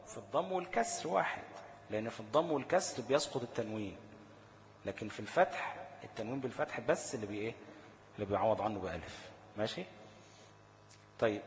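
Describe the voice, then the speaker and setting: Egyptian guy teaching tajweed, keeps saying okay? and answering himself, echoey hall, bit of hum. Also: mid-range voice. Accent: Egyptian Arabic. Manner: asks rhetorical questions and answers them himself, checks in with "okay?"; slows to chant short recited examples. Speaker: Quran recitation teacher. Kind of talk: classroom tajweed lesson.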